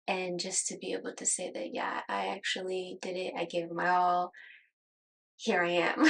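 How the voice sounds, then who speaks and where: On a low-quality recording, a woman in her thirties from Las Vegas, United States, talks about herself for a get-to-know-me vlog. Her voice is fairly low and creaky yet fairly bright, and she often laughs at her own comments.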